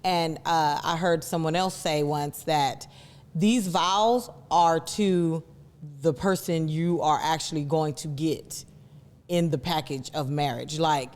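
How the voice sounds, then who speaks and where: A woman's voice: low-pitched, fairly even intonation, takes it slowly, a little mellow. A woman co-hosting a casual discussion, explaining earnestly and leaning on key words, in an echoing room. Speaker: co-host. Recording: reverberant room with long echo.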